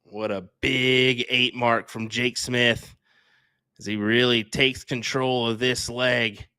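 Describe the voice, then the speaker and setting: A man's voice: medium pitch, flat delivery, slow, sharp tone, smooth, dry recording, clean studio sound. A man calling a darts match live, upbeat and playful. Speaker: darts commentator. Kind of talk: live sports commentary.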